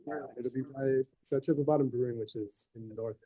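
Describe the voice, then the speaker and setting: A man talking on his phone in a casual video call, loose and halting with many ums, his corrupted audio keeping dropping and cutting out. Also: medium pitch, steady tone, mellow, breathy edge, no echo, rough recording. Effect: corrupted audio that keeps cutting out and dropping in level. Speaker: advocacy organizer giving updates.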